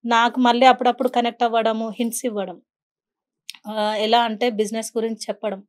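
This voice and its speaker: Woman guest, earnest storyteller, quick and a touch high. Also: flat delivery. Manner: earnest, telling a personal story with quoted speech. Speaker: guest, beautician and meditation teacher. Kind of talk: podcast interview, personal story.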